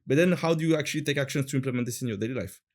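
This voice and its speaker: Rapid-fire speech in a mid-range voice comes from a man in his thirties from France with a French accent. He's chatting casually as an interview guest, searching for words with frequent fillers and restarts.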